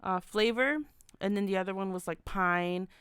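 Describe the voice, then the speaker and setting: A woman's voice: medium pitch, steady tone, moderate pace, fairly bright tone, clear, resonant tone, no room sound, clean studio sound. A woman co-hosting a casual beer podcast, reading out hop facts with many restarts and corrections. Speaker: podcast co-host. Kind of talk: casual chat.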